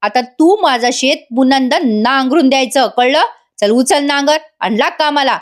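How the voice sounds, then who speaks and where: A woman's voice: high-pitched, moderate pace, lightly acted. A woman voicing a feisty, bossy young farm woman who scolds and commands. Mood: scolding.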